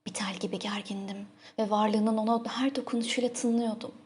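A woman narrating a literary audiobook in a soft, intimate, emotive manner. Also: mid-range voice, fairly even intonation, moderate pace.

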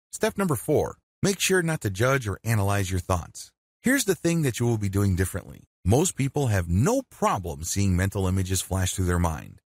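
Husky male meditation narrator, animated intonation. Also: fairly low pitch, dry recording. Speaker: meditation instructor. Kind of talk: scripted instructional narration.

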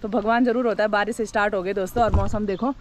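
A woman's voice: medium pitch, steady tone, quick pace, slight background noise. A young woman from Uttarakhand, India, chatting and teasing as she hosts a village vlog. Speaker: vlogger. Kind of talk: casual vlog narration. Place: village outdoors.

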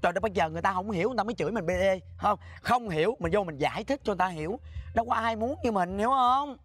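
An actor playing a sassy, sharp-tongued flamboyant man in a comic scolding rant. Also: sits high, lively intonation, rapid-fire, faint music behind. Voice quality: sassy, nagging, theatrical. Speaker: comedy sketch actor.

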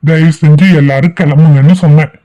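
A man's voice: fairly high pitch, steady tone, fast, mellow, muffled recording, natural voice. A man voicing an indignant young cartoon husband. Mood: stern. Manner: stern, indignant. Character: angry young husband and grandson, protective. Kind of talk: cartoon family drama voice acting.

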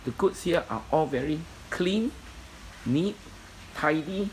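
A man's voice: fairly high pitch, expressive, slow pace, heavy background noise. A man walks through an indoor storage unit, filming on a handheld phone and listing its contents plainly, with many fillers. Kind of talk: walkthrough commentary. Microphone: phone camera held in hand.

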